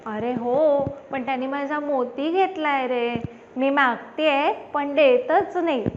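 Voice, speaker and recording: A woman voicing a small, excited female sparrow in a children's story, talking high and childlike. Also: slow. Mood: pleading. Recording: dull lo-fi with faint background noise.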